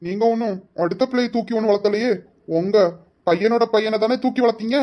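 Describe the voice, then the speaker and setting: A performer voicing a protective young husband in an audio drama, stern and forceful, issuing warnings. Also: mid-range voice, fast, dull audio, close to an everyday voice. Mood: angry. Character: furious young husband defending his wife. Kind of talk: amateur Tamil audio drama.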